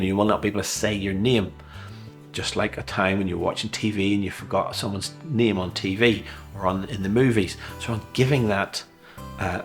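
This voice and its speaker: A man presenting a hypnosis tutorial conversationally, with examples and rhetorical questions. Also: on the low side. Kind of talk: explanatory tutorial to viewer. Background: guitar music.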